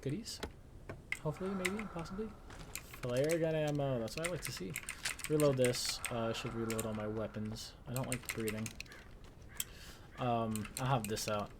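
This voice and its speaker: A young man talking casually over a video game, rambling and mocking himself, now and then breaking into loud outbursts. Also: mid-range voice, normal speed, long pauses. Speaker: gaming YouTuber. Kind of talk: casual let's-play commentary. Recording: steady noise under the voice.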